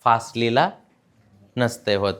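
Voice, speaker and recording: A man's voice: medium pitch, measured pace, a bit bright, clean tone. A man with a Marathi accent teaching English grammar to a class, mixing in English words and quizzing his students. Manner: mixes in English words, asks the class questions. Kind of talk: classroom lesson.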